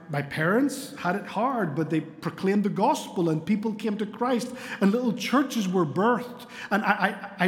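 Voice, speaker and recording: A middle-aged man, preaching a sermon with earnest storytelling and light humor. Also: high-pitched. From Spain. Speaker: pastor. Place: church sanctuary. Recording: long hall reverb in a church.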